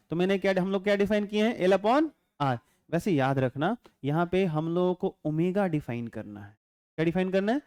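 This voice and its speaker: High, clear-voiced male physics teacher. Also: no echo, studio quality. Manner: chatty, joking asides, constant rhetorical check-ins; unhurried, calm explaining. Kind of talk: classroom lecture.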